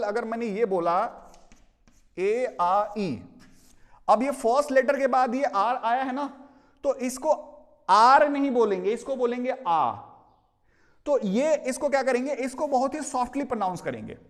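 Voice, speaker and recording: Casting: male English teacher with an Indian accent, very high voice, steady classroom explaining, long room reverb. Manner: explains with repeated "theek hai" check-ins, mixing Hindi and English. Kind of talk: classroom pronunciation lesson.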